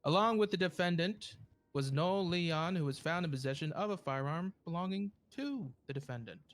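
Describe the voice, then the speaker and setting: A man role-playing a prosecutor, formally addressing a court with somewhat halting phrasing. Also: fairly high pitch, animated. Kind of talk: improvised courtroom role-play.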